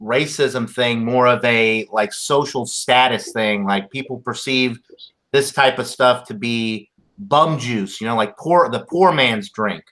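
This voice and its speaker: A man co-hosting a casual wine chat, talking in a slow, measured, laid-back way. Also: mid-range voice, a bit bright. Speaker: wine show co-host.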